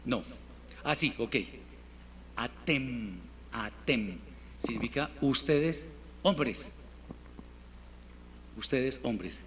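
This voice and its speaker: A man teaching a Hebrew class in Spanish, patiently repeating words slowly for his students. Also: medium pitch, animated, a bit bright. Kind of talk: classroom language lesson. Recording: reverberant hall, faint room noise.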